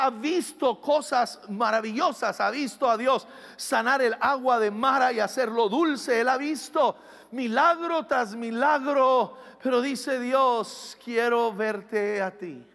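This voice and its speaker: A pastor, preaching a sermon in Spanish, speaking directly to his congregation and building up to passionate shouting. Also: very high voice, creaky. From United States.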